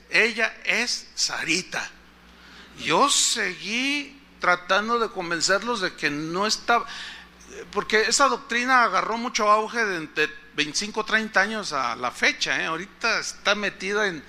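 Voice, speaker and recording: During a sermon, a male pastor tells a story and poses questions to his congregation. For a man, his voice sits high, and it rings sharp and bright.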